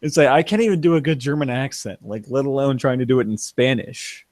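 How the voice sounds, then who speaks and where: A man's voice: medium pitch, fairly quick, darkish tone, no room sound. A young man with a mid-range voice talks as a podcast guest, rambling and often restarting his sentences. The sound is dry and close. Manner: rambling, self-interrupting, laughs. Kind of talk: casual chat.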